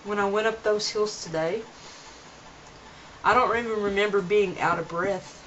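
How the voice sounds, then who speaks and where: Her mid-range voice is fairly bright, with fairly even intonation and normal speed. This young vlogger talks earnestly and casually at home, rambling and restarting sentences. The camera mic yields dull lo-fi audio with a little hiss or hum.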